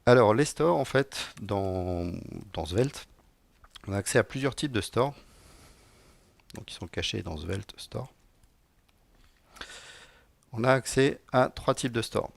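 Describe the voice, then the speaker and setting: A man's voice: lowish voice, expressive, takes it slowly, vocal fry, long pauses, dry recording. A middle-aged man live-coding at a conference, talking casually with lots of fillers and dry jokes to a room audience. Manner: casual and joking, many fillers. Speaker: conference speaker, technical director. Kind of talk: live-coding tech talk.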